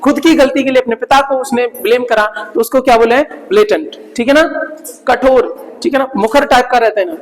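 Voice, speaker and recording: High-pitched male teacher, reverberant hall. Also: fairly quick. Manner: repeats words and checks with "ठीक है ना?". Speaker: English vocabulary teacher. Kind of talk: Hindi-English vocabulary lesson.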